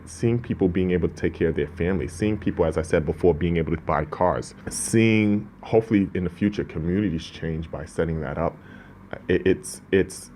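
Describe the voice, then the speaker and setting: A Ghana-born business owner talks in a casual interview, earnest and often restarting his sentences. His voice is low with a dark tone, and there's a little hiss or hum in the recording.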